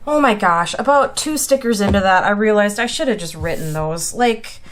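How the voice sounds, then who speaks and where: A woman's voice: mid-range voice, lively intonation, moderate pace, faint music behind. A woman chatting casually as she sets up a planner on video, counting aloud and laughing at her own slips. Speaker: planner vlogger. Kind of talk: casual chat while drawing a planner layout.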